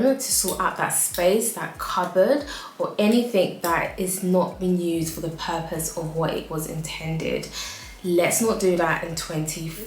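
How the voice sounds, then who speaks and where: A woman's voice: fairly low pitch, echoey room. A woman with an African accent giving frank, chatty home decor advice in a casual vlog, laughing often.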